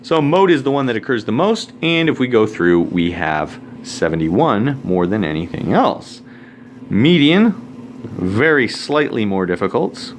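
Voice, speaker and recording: A man's voice: mid-range voice, very animated, unhurried, a little hiss or hum. A man teaching a recorded math lesson, talking casually with joking asides while he writes out formulas.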